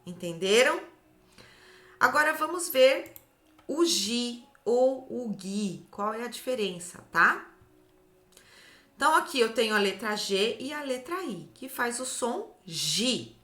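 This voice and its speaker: Brazilian woman, children's literacy teacher, slow deliberate delivery, echoey room. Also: on the high side, big pitch swings, fairly bright tone. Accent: Brazilian Portuguese. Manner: slow, drawn-out syllables, often ends with "tá?". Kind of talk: slow, clear phonics lesson for children.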